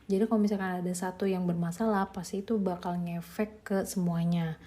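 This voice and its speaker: A woman's voice: lowish voice, steady tone, fairly quick, mellow. A young woman, a mother, chatting casually as a podcast host reviewing a book, informal and easygoing with light laughs.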